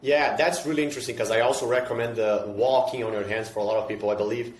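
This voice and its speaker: A man's voice: mid-range voice, steady tone, quick pace, reverberant, slight background noise. A man with a Brazilian accent explaining fitness ideas casually and emphatically, often repeating himself and asking rhetorical questions.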